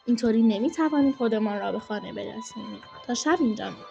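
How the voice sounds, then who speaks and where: A woman's voice: a little high, gravelly, dark tone, dull audio, soft background music. A woman voicing a weary old woman in a storybook tale, coaxing and pleading in a singsong way.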